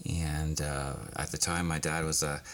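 A man's voice: rumbling low, level tone, unhurried, a bit bright. A man in his sixties from Belgium, raised in Canada, speaking as a guest doctor in a casual interview, with many fillers and restarts. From Belgium, raised in Ontario, Canada. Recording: noisy background.

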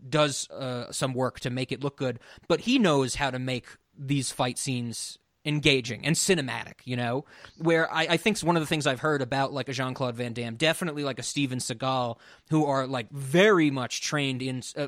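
A man's voice: mid-range voice, fairly bright tone, dry recording, studio quality. A man co-hosting a podcast, talking in a loose, rambling way with many restarts. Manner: laughs often. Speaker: podcast co-host. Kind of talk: casual chat.

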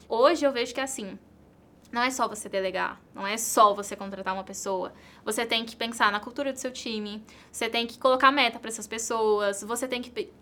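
A Brazilian woman with a fairly high, bright voice, speaking as an entrepreneur in an interview. She talks earnestly and repeats her key points for emphasis. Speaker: entrepreneur and content creator. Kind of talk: interview answers.

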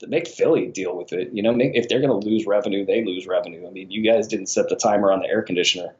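A man's voice: fairly low pitch, fast, a little mellow. Laid-back male podcast guest, slightly dull sound. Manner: laughs easily, repeats words when starting. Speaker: sportswriter guest. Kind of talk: casual sports chat.

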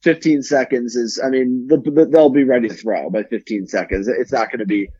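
A man co-hosts a casual sports podcast, circling his point with restarts and fillers. His voice is warm and mellow. The recording is dry and dull, like a lo-fi line. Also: mid-range voice, brisk, slightly rough, dry recording. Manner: rambling, many restarts and fillers. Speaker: podcast co-host. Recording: dull, lo-fi sound.

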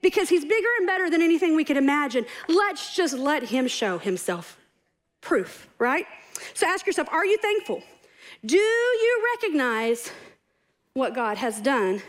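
High-voiced woman preaching. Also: a little slow. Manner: animated storytelling, acts out quoted voices with humor. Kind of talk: sermon.

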